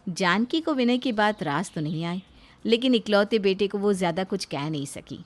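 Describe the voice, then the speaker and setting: A woman narrating a moral story in even, scripted storytelling. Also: mid-range voice, moderate pace.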